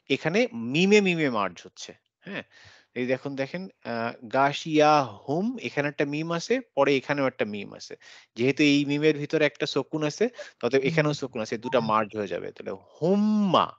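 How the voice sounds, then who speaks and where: A man's voice: fairly high pitch, no echo. Patient man teaching tajweed on a call. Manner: patient, explains step by step, chants examples slowly with nasal hum. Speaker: Quran recitation teacher. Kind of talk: online class teaching tajweed rules. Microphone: video call. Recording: dull lo-fi video call audio.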